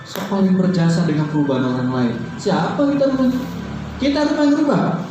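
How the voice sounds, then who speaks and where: A man preaching to a training group, keeping it lively with questions he answers himself and short acted dialogues. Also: sits high, fairly quick. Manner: lively, fires questions at the audience and answers them; acts out little dialogues in other voices. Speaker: Islamic preacher. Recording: dull, echoey hall with faint music.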